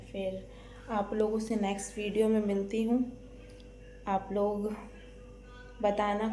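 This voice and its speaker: A young woman chatting casually to her viewers in a daily-life vlog, relaxed and talkative. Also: mid-range voice, a little hiss or hum. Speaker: vlogger.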